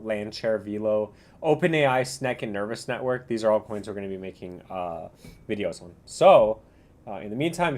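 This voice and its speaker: A man hosting a casual livestream commentary, talking in a slangy bro style with a rambling, halting delivery. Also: mid-range voice, a little mellow. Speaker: livestream host reviewing cryptocurrency charts.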